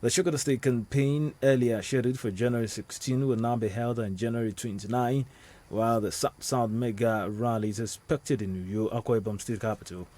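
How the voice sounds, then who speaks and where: A man with a Nigerian accent reading the radio news as anchor, formal and measured. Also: mid-range voice, fairly even intonation, dark tone.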